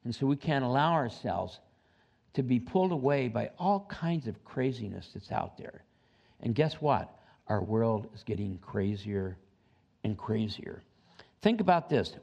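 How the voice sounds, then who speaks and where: A man in his seventies preaching a sermon in church as pastor, animated, rising high for emphasis, with joking asides. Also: creaky, highs cut off. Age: 70s.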